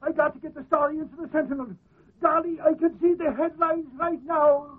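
An actor playing a blustering, dim-witted reporter with a dopey bellow, in 1940s radio style on a tinny, noisy recording. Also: male voice, high voice, animated, moderate pace, husky, heavily acted. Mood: astonished, excited.

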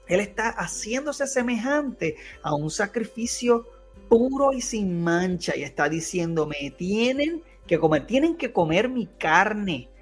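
Man, high pitch, conversational Bible teaching, tag questions, hesitant, faint music behind. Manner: keeps adding tag questions, frequent hesitations.

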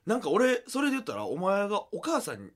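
A young man with a Kansai accent, chatting casually as a podcast co-host and telling stories in an animated way. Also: fast. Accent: Kansai Japanese. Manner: animated storytelling with sudden high laughs. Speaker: comedy duo podcast co-host. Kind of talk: casual chat.

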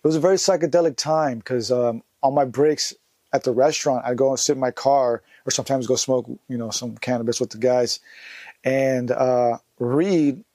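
A man's voice: medium pitch, moderate pace, mellow, dry recording. A young man, telling a story in a casual, rambling, slangy way. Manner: laid-back, rambling, slangy. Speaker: vlogger.

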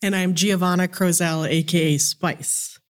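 Animated storytelling woman from the Philippines. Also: fairly low pitch, unhurried. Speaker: guest. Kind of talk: casual interview chat.

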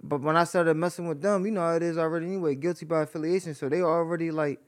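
A male interview guest with a somewhat high voice. He tells stories casually in thick street slang, with a loose, conversational bro manner. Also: fairly even intonation, very fast.

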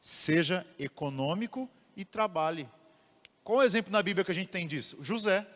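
A young Brazilian man teaching the Bible in a lively way, asking his listeners rhetorical questions. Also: sits high, normal speed. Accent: Brazilian Portuguese. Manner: animated, asks the audience rhetorical questions. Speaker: theology teacher. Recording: long reverb of a large room.

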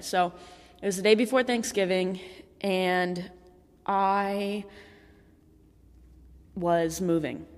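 An eighteen-year-old woman hosting her podcast, telling a casual story in a rambling way full of restarts and fillers. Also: on the low side. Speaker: podcast host. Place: echoey room. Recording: echoey room with long reverb.

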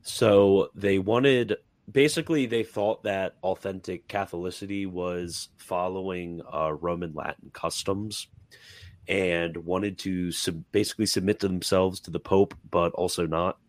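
Hoarse deep-voiced man, casual chat. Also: steady tone, measured pace, no room sound. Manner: chatty, joking, explains at length. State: hoarse, coughing.

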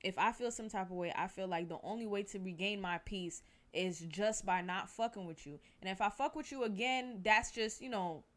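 A woman's voice: mid-range voice, normal speed, hardly any pauses, fairly bright tone. A young woman in casual chat, blunt and emphatic, swearing freely and leaning on filler phrases.

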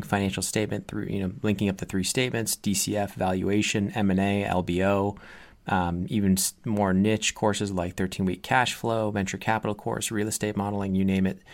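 Upbeat man reading a promo. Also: on the low side. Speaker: show founder reading a promo. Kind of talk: promotional ad read.

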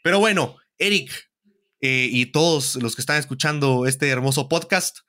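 A man's voice: medium pitch, moderate pace, bright, forceful tone. A man with a Guatemalan accent co-hosting a football podcast, chatting with enthusiasm and frequent laughter. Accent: Guatemalan Spanish. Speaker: podcast co-host. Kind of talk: casual football chat.

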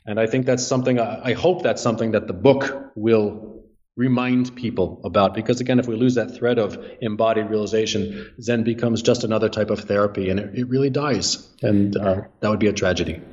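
A man who is an author and Zen teacher, answering interview questions in a measured, earnest way and often repeating words as he thinks. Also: fairly low pitch, fairly even intonation, a little mellow, muffled recording. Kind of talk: podcast interview.

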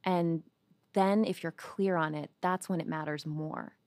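A woman's voice: sits low, steady tone, measured pace, a little mellow, no room sound. A woman chatting casually on a podcast, using lots of fillers and laughing easily.

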